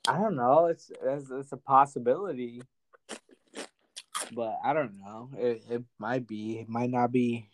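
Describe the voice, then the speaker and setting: A twenty-one-year-old man, clearly drunk, in loose casual chat. He laughs a lot, swears freely and rambles through his points at a medium pitch. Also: a little slow, a little hiss or hum, poor audio. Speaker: podcast host.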